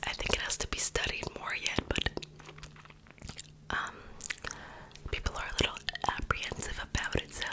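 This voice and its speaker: A woman doing an ASMR whispered role-play as a piercer, speaking in an unvoiced, breathy whisper with a soft, casual, reassuring manner. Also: normal speed, pauses often. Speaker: ASMR creator playing a piercer.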